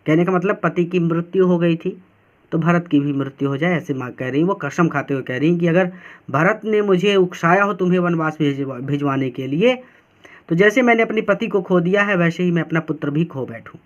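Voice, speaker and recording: High-voiced man teaching a Hindi poem. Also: moderate pace, muffled recording. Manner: repeats and paraphrases each phrase, checks in with "theek hai". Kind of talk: explaining a poem line by line for exam students.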